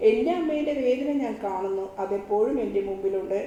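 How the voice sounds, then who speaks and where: A woman's voice: mid-range voice, brisk, warm tone, muffled recording. A woman reading a devotional story aloud, speaking all the dialogue in her own voice. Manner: reads every character's lines in her own voice. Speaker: narrator reading a religious book. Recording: echoey room, faint ambient noise.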